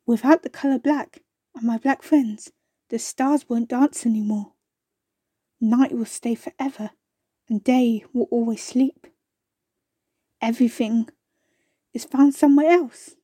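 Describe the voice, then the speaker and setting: A small, thoughtful bumble wasp, put on by a woman reading a storybook, slow and hesitant, her voice lifted a little higher than the narration. She muses aloud and stammers now and then, in a mellow, dry close-up sound. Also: husky, no room sound. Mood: dreamy. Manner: hesitant, dreamy, stammering at times.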